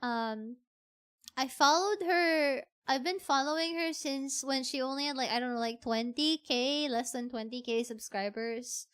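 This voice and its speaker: A woman's voice: high voice, a little slow, clear, resonant tone. A woman with a Filipino accent chatting casually on a livestream, often repeating phrases for emphasis. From Philippines. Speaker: VTuber streamer.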